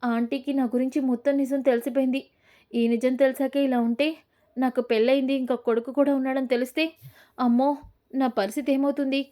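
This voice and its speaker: A woman's voice: high voice, level tone, fairly quick, warm tone, close to an everyday voice. A woman voicing a pleading, apologetic young wife. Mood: fearful. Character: young woman caught lying, apologetic daughter-in-law.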